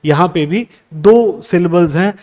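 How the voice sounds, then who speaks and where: Speaking at a measured pace, a man with a high, slightly mellow voice teaches English exam prep. He mixes Hindi and English terms and keeps putting questions to the class only to answer them on his own.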